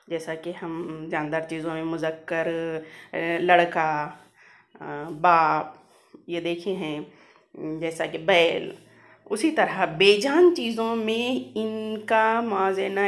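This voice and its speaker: Woman teacher reading word lists. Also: fairly low pitch. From India. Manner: reads word lists slowly, then explains in brisk asides. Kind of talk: reading a grammar lesson to children.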